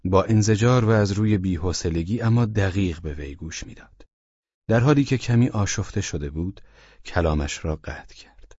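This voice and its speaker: A man narrating an audiobook novel in a quiet, measured reading. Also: low voice, no room sound, highs cut off. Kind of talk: scripted narration.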